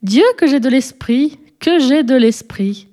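A proud, mischievous little girl from a storybook, drawing out her words with delight, voiced by a woman reader. The voice sits a touch higher than usual. It keeps a mellow, rounded tone. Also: expressive, unhurried. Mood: pleased.

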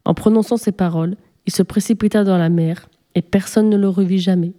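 A woman storyteller reading a fairy tale aloud in a calm, measured way. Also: mid-range voice. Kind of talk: storybook narration.

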